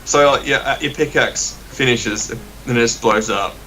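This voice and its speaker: A man's voice: mid-range voice, normal speed, pushed and bright. A man chatting casually with friends while playing a game. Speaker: gamer. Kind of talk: casual gaming banter. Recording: distant mic with faint noise.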